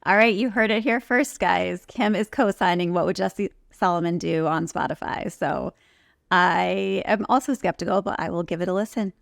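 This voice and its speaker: A woman's voice: lowish voice, normal speed, creaky, dry recording, clean studio sound. A woman co-hosting a reality TV recap in casual, conversational commentary, often slipping into reported speech. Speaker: podcast co-host recapping reality TV.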